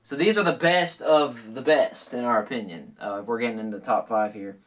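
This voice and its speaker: A man's voice: medium pitch, brisk, fairly bright tone, recorded from a distance. A young man co-hosting a casual chat, laughing often and full of fillers and restarts. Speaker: co-host.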